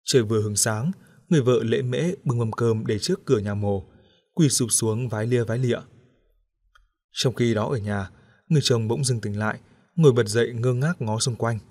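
A male voice reads a story aloud for an audiobook, his delivery steady and even. His pitch sits right in the middle of a typical man's range. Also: normal speed. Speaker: audiobook narrator. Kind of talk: scripted story narration.

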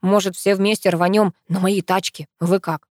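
A woman's voice: mid-range voice, fairly even intonation, normal speed, a little mellow, dry recording, studio quality, close to an everyday voice. Woman reading an eager boastful young man.

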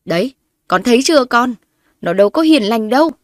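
A woman narrator voicing a spiteful, scheming older mother-in-law who scolds and insults loudly. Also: medium pitch, expressive, moderate pace, no echo, clean studio sound, natural voice. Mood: wailing.

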